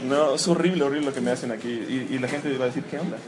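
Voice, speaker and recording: Rapid-fire and mid-range in pitch, a man's voice carries a live, humorous talk about comics to an audience in a room. He pokes fun at himself and adds animated asides, with background noise clearly present.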